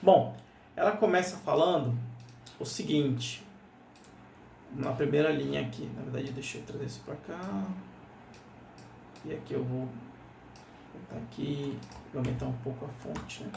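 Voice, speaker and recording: A man's voice: on the high side, unhurried, creaky, pauses often. A Brazilian man with a Brazilian Portuguese accent teaches an English lesson, explaining patiently and asking "né?" often. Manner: explains patiently, full of "né?" and repeats. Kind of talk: screen-share lesson walkthrough. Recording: roomy, slightly distant mic, faint noise.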